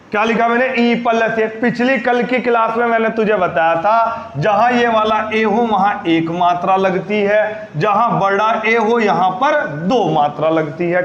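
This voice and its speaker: A male teacher giving a grammar lesson, quizzing his students repeatedly and stretching key words slowly. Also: high-pitched, a bit bright, slight background noise. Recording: roomy, dull lo-fi recording.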